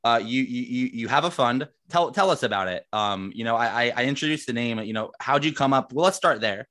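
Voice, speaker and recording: A man's voice: mid-range voice, lively intonation, a little fast, fairly bright tone. A man hosting a podcast who asks rambling questions, stumbling and repeating words. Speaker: podcast host. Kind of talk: casual podcast interview.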